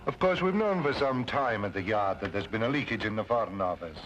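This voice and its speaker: Inspector Lestrade, lively brisk policeman played by an actor. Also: lowish voice, music in the background, natural voice. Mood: urgent. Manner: brisk, official. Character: brisk, earnest Scotland Yard police inspector. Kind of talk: old-time radio drama acting. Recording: muffled, noisy old radio recording.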